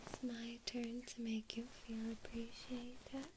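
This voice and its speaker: A woman whispers very slowly and softly, her lightly raised voice held almost flat. She dotes and teases in an ASMR roleplay, leaning close to the microphone so the whisper sits right by the ear. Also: on the high side, background noise. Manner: soft, doting and teasing whisper. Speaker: ASMR creator. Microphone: close microphone, mouth near the ears.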